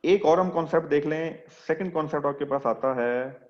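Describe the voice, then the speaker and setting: A male teacher with a somewhat high voice leads an online class. He explains each point step by step and keeps quizzing his students. The audio is dull and lo-fi. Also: brisk. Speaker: English teacher.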